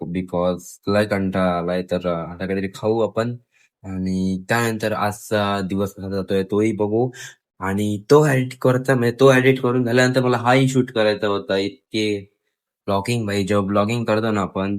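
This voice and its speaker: A man's voice: fairly low pitch, fairly even intonation, normal speed. A young man with a Marathi accent, chatting casually to his viewers in a daily vlog. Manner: chatty, addresses viewers as friends. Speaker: vlogger.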